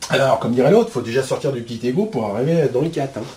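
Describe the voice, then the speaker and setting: Lively, blunt man lecturing on spirituality. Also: medium pitch, quick pace. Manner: colloquial, blunt, peppered with asides. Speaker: spiritual teacher.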